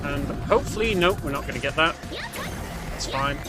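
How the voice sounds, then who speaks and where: Game music and sounds play as a speedrunner offers loose, slightly hesitant commentary, regularly correcting himself along the way. His fairly high voice is expressive and moderately paced.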